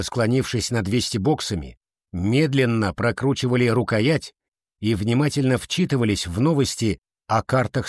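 A man giving a measured scripted narration of a children's fantasy audiobook. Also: mid-range voice, dry recording, studio quality.

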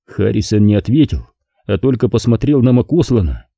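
A man narrating a crime novel as an audiobook in a measured, expressive reading, close to the mic. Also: on the low side, vocal fry, dry recording.

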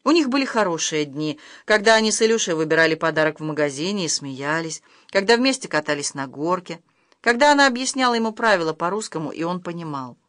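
A woman narrating a novel in a measured, even storytelling manner. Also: fairly low pitch, no room sound, clean studio sound. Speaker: audiobook narrator.

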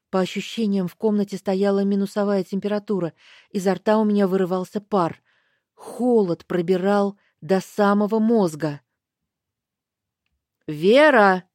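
A woman giving first-person audiobook narration in a slow, deliberate way. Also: mid-range voice, mellow, dry recording, clean studio sound.

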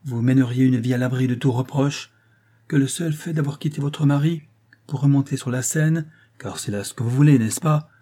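A man's voice: mid-range voice, moderate pace, warm tone, natural voice. A man voicing a stern, wounded husband who argues with severe emphasis.

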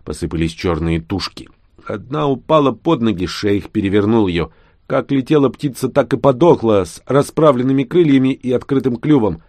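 A man reading a novel aloud as audiobook narrator, with steady storytelling delivery. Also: medium pitch, normal speed, no echo.

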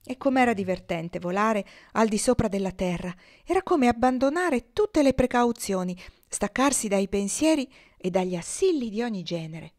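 Woman, audiobook reader, expressive storybook reading, lively, animated, mid pitch. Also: normal speed, hardly any pauses.

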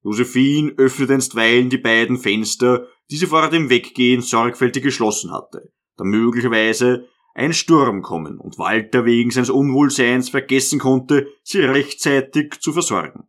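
A man reads a classic novel aloud in a steady, measured voice of middling pitch. His narration is calm and even, setting out long sentences with care. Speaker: audiobook narrator. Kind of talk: literary audiobook narration.

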